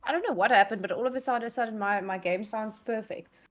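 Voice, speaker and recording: A woman's voice: a little high, fast. A woman with a South African accent giving casual co-commentary on a live gaming stream. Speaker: livestream co-commentator.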